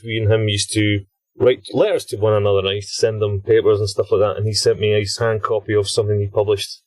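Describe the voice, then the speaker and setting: A British man talks in a chatty, enthusiastic way, laughing easily as he records a log from inside a cramped titanium submersible. His voice sits fairly low and sounds dry and close, with little room sound around it. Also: darkish tone, no room sound. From Britain. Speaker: expedition scientist and podcast host. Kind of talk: casual chat recorded as an audio log. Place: inside a small deep-sea submersible sphere.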